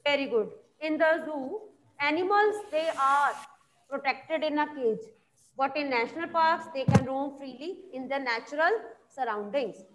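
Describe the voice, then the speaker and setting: A woman's voice: high voice, normal speed, fairly bright tone, poor audio. A middle-aged woman with a North Indian accent teaching a class in an instructive way, often putting questions to her pupils. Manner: instructive, with frequent questions and check-ins to pupils. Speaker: school social science teacher. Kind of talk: classroom lesson, mixing English and Hindi. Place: indoor classroom at a blackboard.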